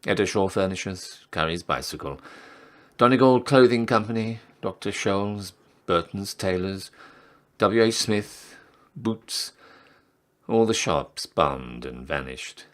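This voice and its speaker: Casting: male story narrator, low-pitched and very animated, declaiming like a town crier in measured, emphatic phrases. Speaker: reader of a literary story. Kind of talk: dramatic literary reading.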